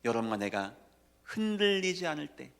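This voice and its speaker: A male pastor preaching a sermon, emphatic, swinging between hushed lines and loud declarations. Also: a little high, sing-song, normal speed, gravelly. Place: church sanctuary. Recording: long church reverb.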